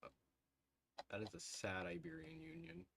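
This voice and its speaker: A man with a fairly low voice streams live gameplay, heard through a headset microphone. He thinks out loud to his chat and reacts with frequent "ooh"s and small laughs. A faint hiss sits under the voice. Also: very animated, normal speed, creaky.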